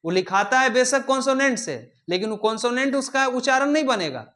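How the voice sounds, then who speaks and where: High-voiced male teacher quizzing students. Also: expressive, fairly quick, pushed and bright. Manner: drills students with repeated questions, urging them to answer. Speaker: English teacher. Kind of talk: classroom grammar lesson.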